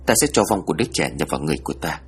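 A man's voice: very deep voice, expressive, racing, slightly rough, voice pushed down, full character voice. A man voicing a stern older female spirit medium who speaks coldly and ominously. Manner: mutters coldly.

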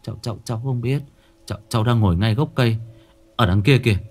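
A man's voice: mid-range voice, fast talker, darkish tone, faint music behind, close to an everyday voice. A man voicing a frightened village boy who stammers and trembles as he explains, in a spoken ghost story. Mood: scared. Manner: stuttering, trembling.

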